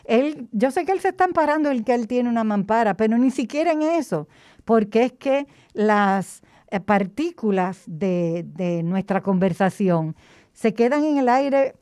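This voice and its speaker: A woman cardiologist explains a health topic with energy and emphasis. Her voice is mellow and warm, muffled by a face mask. The sound is dry and close. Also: a little high, animated, a little slow, dry recording. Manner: emphatic, speaks with vigor. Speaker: cardiologist, show regular. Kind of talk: casual health talk on air. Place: closed room behind plastic screens.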